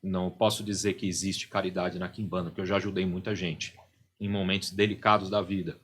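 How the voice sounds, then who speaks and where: A man's voice: deep voice, flat delivery, a little fast, a bit bright, slight background noise. A middle-aged Brazilian man, a podcast guest and religious leader, explaining at length and often checking in with "né?" and "entende?".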